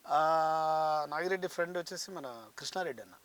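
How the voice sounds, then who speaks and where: A man's voice: on the high side, a bit bright. A man who works as a mimicry artist, telling the story of his career in a casual studio interview. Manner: rapid, chatty storyteller.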